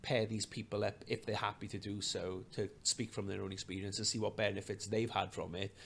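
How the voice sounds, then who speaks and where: Man, low gravelly voice, earnest, halting podcast guest. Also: flat delivery, fairly bright tone, slight background noise. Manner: earnest, halting, many fillers and restarts. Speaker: clinic owner, podcast guest. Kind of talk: casual conversation.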